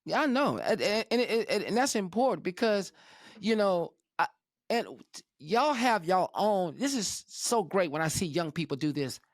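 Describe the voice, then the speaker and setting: A male talk show host with a lively, swinging voice, speaking casually and often stumbling and restarting mid-sentence. The sound is dry and close, with no room around it. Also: sits high, moderate pace, dry recording. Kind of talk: casual interview chat.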